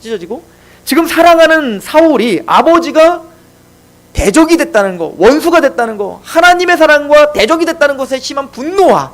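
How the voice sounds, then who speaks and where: A man preaching a sermon as pastor in a church, telling the story dramatically and acting out the scenes. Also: very high-pitched.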